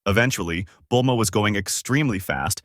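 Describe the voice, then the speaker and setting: A man narrating a fan-made story in a steady storytelling read with lively pitch movement. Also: fairly quick, no room sound, studio quality.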